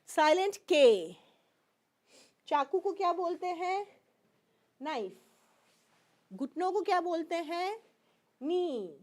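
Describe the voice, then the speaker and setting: High-voiced Indian woman teaching slowly. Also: big pitch swings, darkish tone. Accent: Indian English. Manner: explains patiently, repeats each word and asks "fine?". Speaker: English teacher. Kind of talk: classroom lesson mixing Hindi and English.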